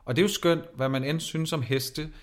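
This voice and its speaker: A man's voice: on the high side, fairly even intonation. A man in casual podcast chat, co-hosting in a playful, teasing way. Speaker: podcast co-host.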